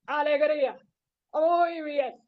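A woman telling a bedtime story to young children, playful and animated, with silly sound effects and diminutives, on a dull lo-fi recording. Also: high voice, slow.

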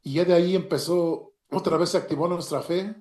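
A man with a Mexican Spanish accent tells a personal story in a halting way, with many restarts and retold dialogue. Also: a little high, steady tone, a little mellow. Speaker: storyteller giving a personal testimony. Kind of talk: emotional personal story, casual. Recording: roomy echo.

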